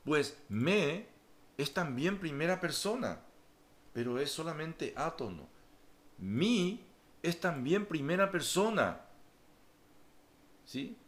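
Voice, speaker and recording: A man teaches a grammar lesson at a slow, deliberate pace. His voice swings widely in pitch as he stresses examples. He repeats points patiently and checks in with his listeners. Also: animated.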